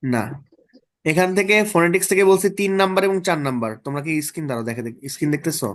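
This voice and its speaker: A man's voice: fairly high pitch, expressive, very fast. A man tutoring students through exam topics in a casual online lesson, often checking in with them.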